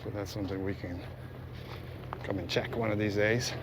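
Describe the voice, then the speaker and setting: Here the walking vlog host speaks in a lowish voice with fairly even intonation and a normal pace, offering loose, casual commentary outdoors. He's on foot beside a road, where faint ambience and vehicle noise are picked up.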